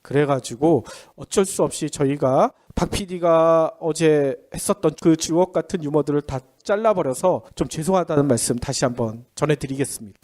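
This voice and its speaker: An economic news podcast host runs a chatty, explanatory briefing, posing questions and answering them himself. His voice is a little high and a little mellow, nasal and pinched from a head cold, moving at a moderate pace with few pauses.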